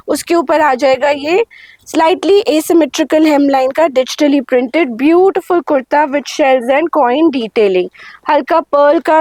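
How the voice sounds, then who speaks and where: Woman, sales pitch, measured unhurried delivery, high voice. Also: a little mellow, no echo. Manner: Hindi-English mix, swings between slow lingering prices and quick rundowns. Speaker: boutique sale presenter. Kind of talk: sales pitch showing garments.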